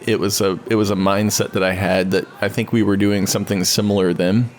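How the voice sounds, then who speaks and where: A man co-hosting a relaxed podcast conversation, rambling and restarting his thoughts as he talks. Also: a little fast. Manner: rambling, with many restarts, briefly mimics others in a high voice. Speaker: podcast co-host. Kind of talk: casual conversation. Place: home studio.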